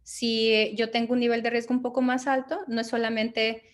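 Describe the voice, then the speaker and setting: A woman's voice: fairly high pitch, little pitch movement, moderate pace. A woman advising on migration in an interview, answering methodically and checking in with short tag questions. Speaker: migration and study-abroad advisor.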